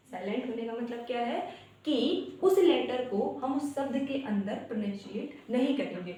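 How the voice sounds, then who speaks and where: A woman with a fairly high voice teaches pronunciation, taking each word slowly and repeating it. She sounds set back from the mic in a very echoey room. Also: mellow, recorded from a distance. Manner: explains step by step, repeating words slowly and addressing viewers as "guys". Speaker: English teacher. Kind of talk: classroom-style pronunciation lesson.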